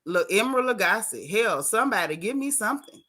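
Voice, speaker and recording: A woman's voice: medium pitch, very animated, fairly quick. Sassy woman gossiping. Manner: sassy, playful, loud joking. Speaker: podcast host. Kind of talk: casual gossip chat.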